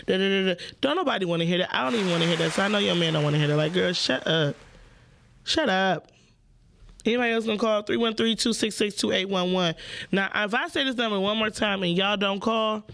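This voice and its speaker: A woman's voice: on the low side, gravelly. A young woman hosting a casual call-in podcast, talking bluntly and playfully with plenty of profanity, straight to her listeners. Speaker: podcast host.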